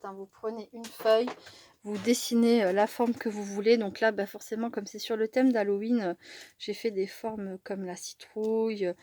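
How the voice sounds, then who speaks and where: A woman's voice: medium pitch, a little mellow, no echo. A woman chatting casually about her craft supplies, self-mocking and full of fillers and restarts. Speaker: crafts vlogger. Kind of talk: casual crafting show-and-tell.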